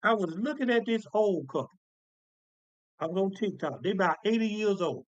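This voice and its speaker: A man delivers a sermon in a high, ringing voice. He talks in a folksy, emphatic way, repeating phrases and stretching out key words for weight. The sound is dry and close. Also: lively intonation, normal speed, no room sound, lo-fi sound. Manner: folksy, emphatic preaching with repetitions. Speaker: preacher.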